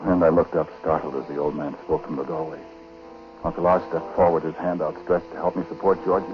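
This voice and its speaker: In a 1940s radio drama, an actor with a very deep, level voice plays an uneasy husband caught up in a small-time psychic scheme. He narrates confessionally, speaking colloquially and confidingly in hesitant, halting phrases over music. The broadcast recording is muffled and noisy.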